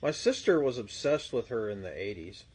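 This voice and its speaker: A man's voice: mid-range voice, animated, normal speed, a little mellow, husky. Male podcast host, mid-range voice, informal chatty delivery. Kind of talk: casual chat.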